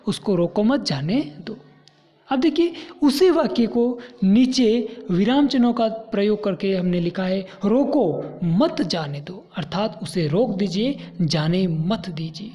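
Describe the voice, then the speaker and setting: A woman gives a grammar lesson in a mellow, warm voice, talking slowly and going over each point again with examples. The recording sounds dull and lo-fi. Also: mid-range voice. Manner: slow, explanatory, repeats points with examples. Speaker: teacher.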